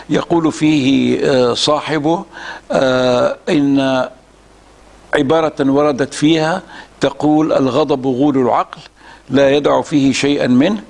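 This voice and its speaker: A man with an Egyptian accent, a religious scholar reading and commenting on a classical text in a measured, deliberate lecture with frequent drawn-out pauses. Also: medium pitch, vocal fry. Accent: Egyptian Arabic.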